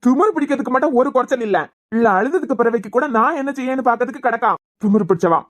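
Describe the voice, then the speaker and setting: A woman voicing a hot-tempered young husband and father in a cartoon serial, scolding loudly with a Kanyakumari Tamil accent. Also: a little high, racing, close to an everyday voice. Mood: angry. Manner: scolding, raising his voice.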